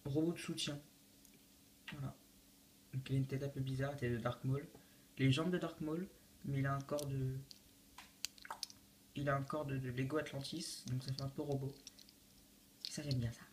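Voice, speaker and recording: A man's voice: mid-range voice, fairly even intonation, normal speed, long pauses, darkish tone, a little hiss or hum. Hesitant teenage boy showing his build. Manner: hesitant, many fillers and restarts. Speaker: YouTube host showing a Lego build. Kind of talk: casual video walkthrough.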